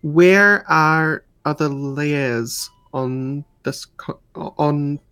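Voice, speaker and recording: Slow, dry-recorded male game player. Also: fairly high pitch, fairly bright tone, clear, resonant tone, no room sound. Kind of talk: casual in-game narration.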